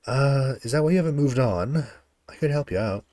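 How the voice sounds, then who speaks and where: A man's voice: medium pitch, lively intonation, moderate pace, darkish tone, no room sound. A man streaming a game, reading its text aloud and chatting casually. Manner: casual, reads dialogue aloud, tired.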